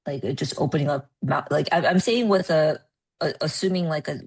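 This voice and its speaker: A woman presenting at a research meeting, explaining with many ums and pauses. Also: deep voice, a little mellow, breathy edge. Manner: hesitant, many ums and uhs.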